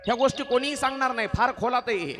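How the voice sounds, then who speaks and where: Speaking very fast in an extremely high voice, a male devotional preacher recounts a sacred story during a sermon as music plays behind him. He puts questions to his audience and answers them in an exhorting way, now and then bursting into song.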